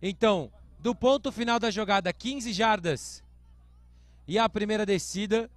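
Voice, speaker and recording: A man's voice: sits high, measured pace, dry recording. A Brazilian man giving live American football play-by-play commentary, explaining calls in short announcer phrases. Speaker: sports commentator.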